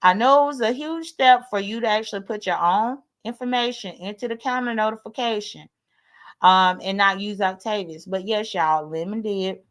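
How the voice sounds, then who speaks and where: A woman with a medium-pitched, fairly bright voice talks at a normal speed. She's an American livestream host in her late thirties, casually venting her complaints with sass, bluntness, and plenty of swearing.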